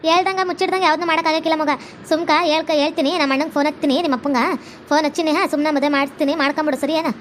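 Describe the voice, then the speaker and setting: A woman's voice: sits high, steady tone, rapid-fire, slight background noise, natural voice. A woman voicing a commanding, scolding middle-aged mother-in-law. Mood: bossy.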